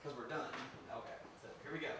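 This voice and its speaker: A man's voice: medium pitch, fast talker, background noise. Chatty man speaking from far in an echoey room. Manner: chatty, laughs often, repeats words. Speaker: filmmaker and ghost hunter giving a talk. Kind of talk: casual presentation to a live audience.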